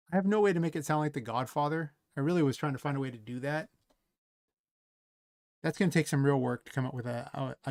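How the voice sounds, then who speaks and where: A man's voice: a little high, no room sound, studio quality. A tired man, an indie game developer, thinking aloud and rambling to himself as he works through the night. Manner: rambling, talks to himself, trails off. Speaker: indie game developer streaming his work. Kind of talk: thinking aloud while working.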